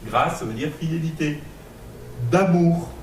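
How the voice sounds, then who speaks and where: A man's voice: fairly high pitch, measured pace, a little mellow, roomy sound, recorded from a distance, a little hiss or hum, rough recording. A man preaching a sermon with a Marseille accent, emphatic and rhetorical, repeating phrases and building to fervent peaks. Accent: Marseille French.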